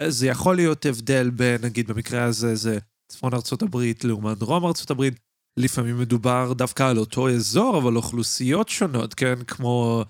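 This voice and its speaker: A man's voice: medium pitch, animated, no echo, studio quality. A man with an Israeli accent giving an informal explanatory lesson as a singing teacher and podcast host, often checking in with his listeners.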